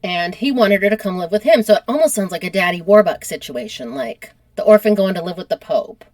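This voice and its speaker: A woman's voice: medium pitch, a little fast, no room sound. Casual female podcast host, conversational history storyteller, dry close mic. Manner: chatty, animated, uses lots of "like".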